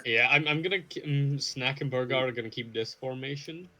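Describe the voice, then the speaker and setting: A man's voice: mid-range voice, fairly quick, bright, forceful tone. A man chatting eagerly as a player in a tabletop game session.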